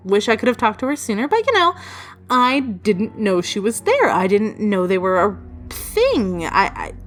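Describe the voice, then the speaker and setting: A storytelling video creator shares personal stories in a casual, chatty, rambling way, playfully emphatic throughout. Her medium-pitched voice swings widely in pitch at a normal speed, with background music behind her.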